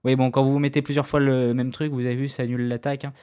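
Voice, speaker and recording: Man, casual gaming tutorial voice, loose and slangy, self-mocking, mid-pitched. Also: flat delivery, fast, mellow, smooth. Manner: loose, slangy, with many fillers and restarts. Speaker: gaming YouTuber giving a tutorial. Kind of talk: casual screen-recorded tutorial.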